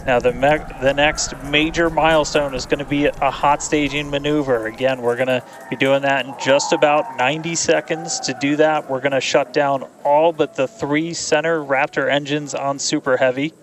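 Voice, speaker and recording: A man's voice: on the high side, fairly even intonation, moderate pace, hardly any pauses, background noise. A man giving live technical commentary on a launch, explaining it informally.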